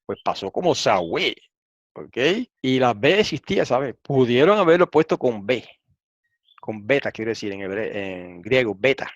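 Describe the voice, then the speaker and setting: A man teaching a lesson, reading transliterated Hebrew and Greek slowly and asking frequent rhetorical questions. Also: medium pitch, animated, no room sound. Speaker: Bible teacher. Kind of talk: lecture explaining Hebrew and Greek texts. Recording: dull, slightly lo-fi and dry.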